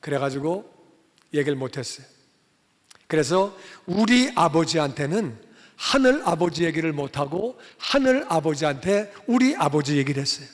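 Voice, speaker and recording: A man preaching a sermon as pastor, telling a family story in an animated way and acting out the dialogue. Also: a little high, normal speed. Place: church sanctuary. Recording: long church-hall reverb.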